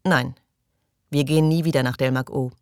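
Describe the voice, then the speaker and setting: A man's voice: mid-range voice, steady tone, moderate pace, a little mellow, clear, resonant tone, no echo, lightly acted. A man voicing a weary, sardonic male crewman with a dry, cutting manner. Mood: firm.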